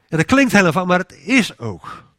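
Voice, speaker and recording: A man's voice: high voice, very animated, normal speed, a bit bright, no room sound, clean studio sound. A man giving an informal sermon in a conversational way, often restarting his sentences and acting out inner voices. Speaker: preacher.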